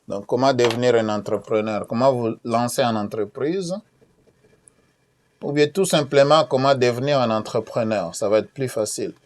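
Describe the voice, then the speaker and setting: A man's voice: medium pitch, normal speed. A man from Congo speaking in a casual promotional talk, hesitant, with many fillers, repeating his key questions. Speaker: event promoter.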